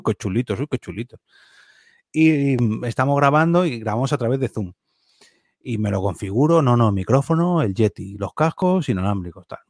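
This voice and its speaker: A man's voice: medium pitch, darkish tone, dry recording, studio quality. Rambling middle-aged man. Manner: rambling, hesitant, frequent fillers and restarts. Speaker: guest. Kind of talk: casual chat.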